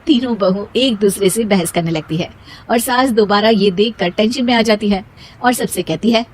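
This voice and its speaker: A woman's voice: mid-range voice, moderate pace, a little hiss or hum, rough recording. A woman narrating a scripted moral story as storyteller.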